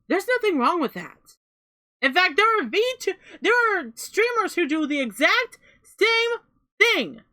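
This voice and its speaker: A young woman talks through a reaction commentary in a high, bright voice. She is emphatic and hammers her points home by repeating them, dropping the odd swear. She sounds like a creator addressing her viewers.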